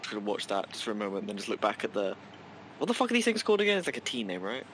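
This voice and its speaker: Man, game player, very swooping pitch, bright forceful voice, casual, exclamatory, faint background noise. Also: wildly swooping pitch, rapid-fire. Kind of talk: casual in-character game chat.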